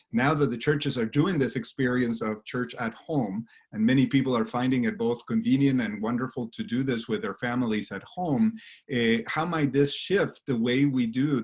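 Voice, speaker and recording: A man's voice: mid-range voice, breathy edge. A man from Guatemala hosts an online panel over a video call. His voice sits in a middle register, and he moves between thoughts with many small hesitations. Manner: warm, hesitant with many fillers. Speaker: webinar moderator.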